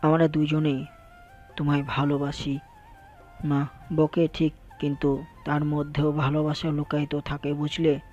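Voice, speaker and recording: A man plays a middle-aged father, protective and steady, who keeps his voice level and unvarying. The audio drama recording is slightly dull, with soft music underneath. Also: on the high side, unhurried, long pauses, natural voice. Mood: gentle.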